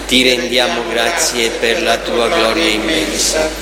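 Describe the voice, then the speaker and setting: A male priest leads the prayers of a Mass at an unhurried, solemn pace, his mid-pitched voice washed in cathedral echo. A long, roomy reverb trails after each phrase. The congregation can be heard in the background. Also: level tone, creaky, a loud crowd. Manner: slow, solemn intoning. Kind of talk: liturgical prayer recitation. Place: large church. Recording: long echoing church reverb.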